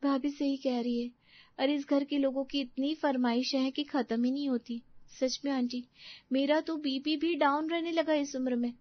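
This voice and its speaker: A woman's voice: high voice, fairly even intonation, normal speed, no room sound, highs cut off, lightly acted. A woman voicing a weary young daughter-in-law who complains about endless housework, in a cartoon. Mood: complaining.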